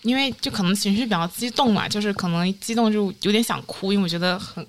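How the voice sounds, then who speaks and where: A young woman, a podcast guest, telling a story in lively casual chat and acting out what people said. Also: mid-range voice, fast talker, slight background noise. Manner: animated storytelling, acting out quotes.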